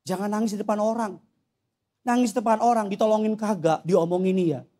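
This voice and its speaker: A male pastor preaching a lively sermon in a church, joking with the congregation and acting out little scenes. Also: high-pitched, a little fast. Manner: playful, jokes with the congregation, acts out voices.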